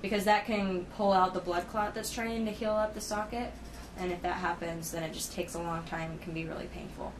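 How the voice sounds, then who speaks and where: A woman's voice: lowish voice, steady tone, a little fast. Woman giving aftercare instructions, distant noisy recording. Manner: plain-worded, step-by-step, checking understanding. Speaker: dental surgery assistant giving aftercare instructions. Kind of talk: explaining instructions conversationally. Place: indoor clinic treatment room. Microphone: camera held by another person, at a distance. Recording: noisy room, distant camera microphone.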